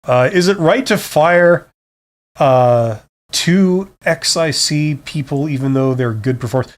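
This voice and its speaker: Middle-aged guy doing a casual live q&a, joking around, reads questions out loud. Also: a little high, slow. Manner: conversational and joking, reads questions aloud and acts out quoted speech. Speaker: host answering viewer questions.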